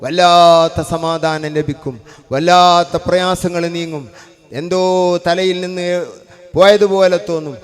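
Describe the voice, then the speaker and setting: A man's voice: high-pitched, level tone, a little slow, smooth, soft background music. A man preaching a sermon as an Islamic preacher, stressing points by repeating phrases.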